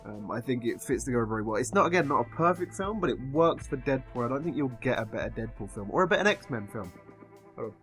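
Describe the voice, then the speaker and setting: A man with an English accent giving a casual film review, rambling and halting as if he has been drinking. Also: medium pitch, expressive, fairly bright tone, faint music behind. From England.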